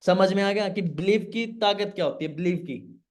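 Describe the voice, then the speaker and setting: A man from Pakistan who mentors young people, telling a fable in an energetic motivational session. He quizzes his listeners and mixes English into his speech. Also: sits high, moderate pace. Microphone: online session.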